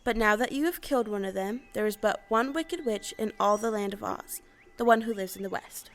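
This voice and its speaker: A woman's voice: mid-range voice, fairly quick, faint music behind, lightly acted. Woman playing a kindly old good witch. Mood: kindly, assured. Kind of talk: stage-style audio play acting.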